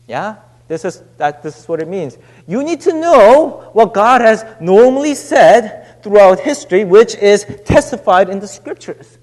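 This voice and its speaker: High-voiced pastor, echoing hall. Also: male voice, a little mellow. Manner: conversational, halting with many restarts and fillers. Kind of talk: sermon. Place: church sanctuary. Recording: long church hall reverb.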